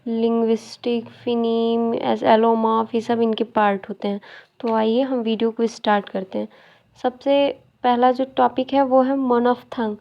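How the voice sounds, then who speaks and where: A woman's voice: a little high, level tone, unhurried, gravelly, dull audio. A woman teaching a phonetics lesson, explaining step by step and asking questions as she goes.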